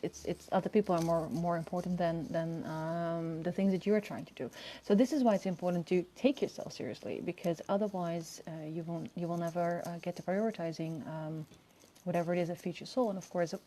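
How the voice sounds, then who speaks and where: Mellow, low-voiced woman vlogging outdoors. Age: early 30s. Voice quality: low, soft-spoken voice. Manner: hesitant, rambling delivery with self-corrections. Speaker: video host. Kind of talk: casual monologue to camera. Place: outdoors on a balcony in open air.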